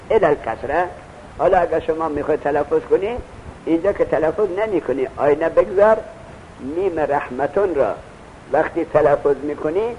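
A man's voice: a little high, warm tone, highs cut off, slight background noise. A male teacher giving a classroom lecture, repeating each point and answering his own questions. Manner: asks questions and answers them himself.

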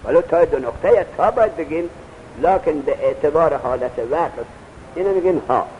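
A man's voice: fairly high pitch, narrow, tinny audio, slight background noise. A male teacher giving a classroom lecture, repeating each point and answering his own questions. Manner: asks questions and answers them himself.

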